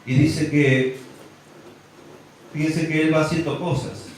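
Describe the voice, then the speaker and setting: A man's voice: on the high side, fairly even intonation, slow pace, slight background noise. A man, preaching a sermon, asking rhetorical questions and building emphasis. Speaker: pastor. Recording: echoey hall from far off.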